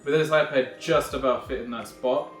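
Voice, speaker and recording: A man's voice: medium pitch, fairly even intonation, normal speed. A man filming a casual unboxing walkthrough on his phone, talking in a rambling, wry way and correcting himself as he goes. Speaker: vlogger unboxing a backpack. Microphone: phone recording himself. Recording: echoey room on a phone mic, faint music behind.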